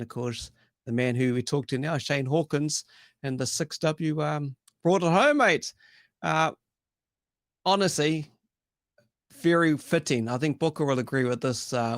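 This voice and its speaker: Matey bloke with a broad Kiwi accent. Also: male voice, medium pitch, dry recording, clean studio sound. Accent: broad New Zealand. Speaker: co-host of a speedway sim racing show. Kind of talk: casual live-stream chat.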